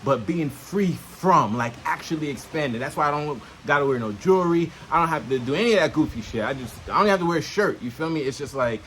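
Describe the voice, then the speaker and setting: Speaking fairly quickly with hardly any pauses, this man has a fairly high, animated, slightly bright voice, and there's a little hiss or hum. He's a self-help vlogger outdoors in nature, teaching unscripted to camera in streetwise slang with lots of swearing. He keeps checking in with the listener, punctuating points with questions.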